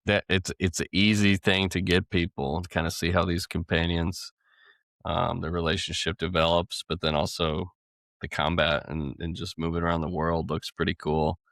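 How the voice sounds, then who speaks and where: Young male podcast co-host, very deep voice, rambling and laid-back, dry close sound. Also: level tone, normal speed, fairly bright tone, no echo. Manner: rambling, laughs between thoughts. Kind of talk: casual gaming podcast chat.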